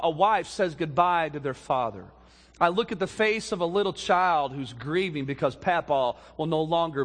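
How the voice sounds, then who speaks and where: A man preaching a sermon as pastor, swinging from soft low passages up to loud emphatic peaks. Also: long reverb tail.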